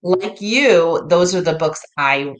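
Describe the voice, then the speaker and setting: A woman's voice: lowish voice, lively intonation, slow. A woman hosting a casual conversational interview in an engaged, affirming way. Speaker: interviewer, host.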